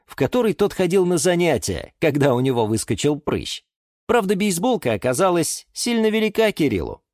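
Expressive woman reading a children's story. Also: low-pitched, dry recording, studio quality. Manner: expressive, theatrical. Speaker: narrator.

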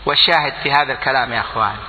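A man preaching a sermon, impassioned, with loud exclamations and low asides, coughing now and then. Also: racing, a little hiss or hum. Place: large hall before a crowd. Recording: echoey hall, long reverb, faint ambience.

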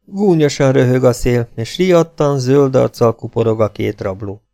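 A man reading a novel aloud as audiobook narration, in an expressive, dramatic way. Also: mid-range voice. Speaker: audiobook reader.

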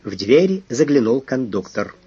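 A man narrating a detective novel, in measured, expressive literary reading. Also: medium pitch, breathy edge, highs cut off. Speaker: audiobook narrator.

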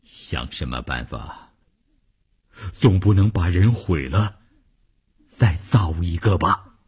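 A man voicing a stern fifty-year-old husband in a radio novel reading, speaking low, heavy and curt. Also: slow, darkish tone, breathy edge, heavily acted. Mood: grim.

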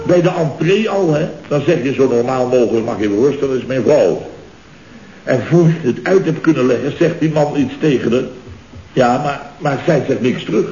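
A man's voice: mid-range voice, moderate pace, dark tone, slight background noise, natural voice. A man playing a rambling, jovial boss. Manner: rambling, jovial storytelling with many asides. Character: chatty boastful male construction firm boss. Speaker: boss of a contracting firm. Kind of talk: 1960s radio comedy acting. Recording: dull, roomy old radio recording.

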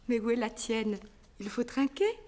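An actress playing a fragile, frightened young female circus rider, breathy and often dropping to a whisper. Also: a little high, very animated, moderate pace, darkish tone. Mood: playful. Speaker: Consuelo. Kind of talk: 1960s French radio drama acting.

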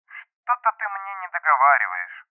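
A man's voice: a little high, huge pitch swings, moderate pace, no echo, pitched above the performer's own voice. A man voicing a bossy, worried older sister who speaks through a telephone, scolding and insistent. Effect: telephone filter. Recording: tinny phone line.

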